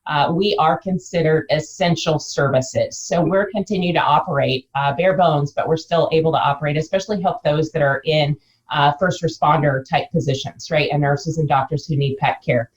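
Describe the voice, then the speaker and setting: A woman's voice: low voice, moderate pace, highs cut off. A middle-aged woman answering casually as a business owner being interviewed.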